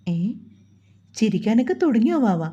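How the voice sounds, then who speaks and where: A woman voicing a stern, quick-tempered young husband who scolds in a lowered voice, in a storybook reading. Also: sing-song, warm tone, slightly rough, muffled recording, full character voice. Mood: tender.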